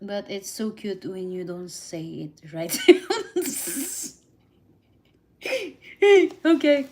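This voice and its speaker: With a mid-range, slightly mellow voice, this very animated Filipino livestream host chats casually and answers viewers' comments in halting English, restarting often. She is from the Philippines and her first languages are Visayan and Tagalog, which shape her accent.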